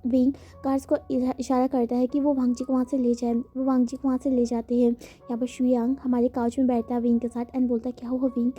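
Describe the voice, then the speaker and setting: A woman's voice: on the high side, little pitch movement, a little fast, warm tone. A woman casually retelling a story, chatty and full of fillers, mixing in English words.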